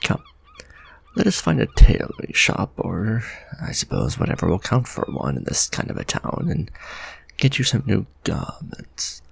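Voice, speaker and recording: A man plays a refined, possessive vampire lord in an ASMR romantic roleplay, musing in formal speech as he tenderly addresses the listener. His exaggerated voice is deeply gravelly, husky, and soft-spoken, with pitch that swoops wildly at a measured pace.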